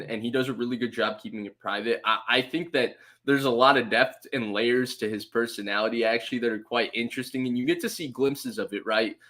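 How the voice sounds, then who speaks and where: A man with a bright, forceful voice hosts a sports talk podcast. He chats in an observant, talkative way, often leaning on "like" as filler. His pitch sits in the middle. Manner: chatty and observant, many fillers like "like". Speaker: podcast host.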